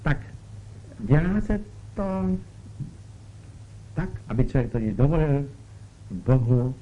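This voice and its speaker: In an expressive, mid-range voice, a man gives a spiritual sermon and repeatedly asks his audience short questions to check in. Faint hiss runs through the dull, lo-fi audio.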